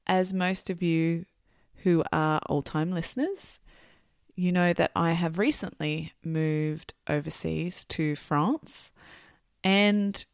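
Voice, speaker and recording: Slow-paced woman hosting a learners' podcast. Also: lowish voice, no echo, clean studio sound. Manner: clear teacherly explaining, measured. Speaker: podcast host and English teacher. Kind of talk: podcast introduction, explaining vocabulary to learners.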